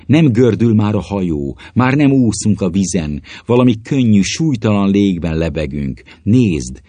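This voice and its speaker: A man's voice: sing-song, warm tone, no echo. A man voicing a proud, cold male alchemist in a story reading, with a rapt, incantatory delivery. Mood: rapt visionary. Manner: rapt, incantatory, sweeping pitch. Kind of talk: audiobook reading.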